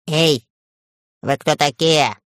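A woman voicing a gruff little grumbling gnome. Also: deep voice, takes it slowly, fairly bright tone, no room sound, studio quality. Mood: grumpy. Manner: suspicious, scolding. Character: grumpy small bearded male forest gnome.

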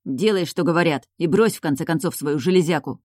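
Woman doing a gruff, curt stranger barking orders. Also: sits low, fairly quick, darkish tone, dry recording, studio quality.

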